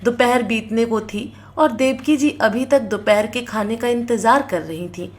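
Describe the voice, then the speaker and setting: A woman narrating a family moral story, voicing every character in her own voice with only small changes. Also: a little slow. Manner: reads all characters in her own voice, small pitch shifts.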